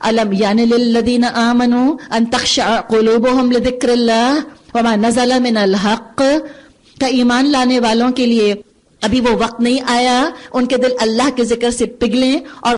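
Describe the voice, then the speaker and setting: A woman giving a Quran commentary lecture, earnest and full of rhetorical questions, slipping English phrases into her speech. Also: fairly high pitch. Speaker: Quran teacher. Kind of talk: tafseer lecture.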